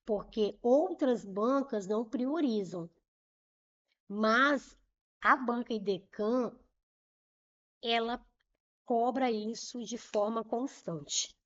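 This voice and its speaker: At a whiteboard, a Brazilian-accented Portuguese teacher preparing students for civil service exams explains grammar, spelling out letter pairs and slowly repeating words to demonstrate their sounds. She checks in with brief questions, her voice on the high side, and the audio is dull.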